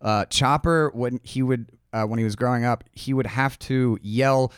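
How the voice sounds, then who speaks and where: A man's voice: medium pitch, steady tone, normal speed, clean tone, dry recording, studio quality. A man co-hosting a podcast who leads the story in casual chat, joking as he goes. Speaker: podcast co-host.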